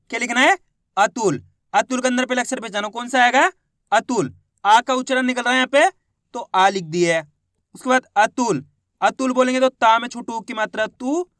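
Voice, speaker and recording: A woman teaching how to read and write Hindi words, sounding each one out slowly and repeating it. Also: on the high side, a bit bright, dry recording, clean studio sound. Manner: slow, repeats each word twice, asks the viewer questions. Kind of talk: spelling lesson.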